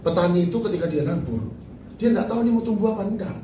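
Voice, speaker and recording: A man preaching a sermon as pastor, animated and joking, then dropping to soft, tearful tones. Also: high-pitched, fast talker, a little hiss or hum. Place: large church hall. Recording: echoey church hall from far off.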